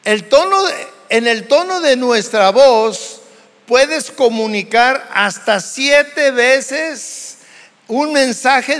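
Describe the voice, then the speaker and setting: A Mexican man, a pastor, preaching a slow, deliberate sermon and shifting his tone to demonstrate his points. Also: extremely high pitch, fairly bright tone. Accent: Mexican Spanish. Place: church hall. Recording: long reverb of a church hall.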